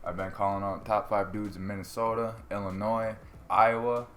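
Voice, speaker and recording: Brief: lower-voiced man, swears freely, vivid storyteller with quoted lines, casual podcast chat. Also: moderate pace, a little hiss or hum. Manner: profane, animated, acts out quotes. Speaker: amateur fighter. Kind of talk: casual storytelling among friends.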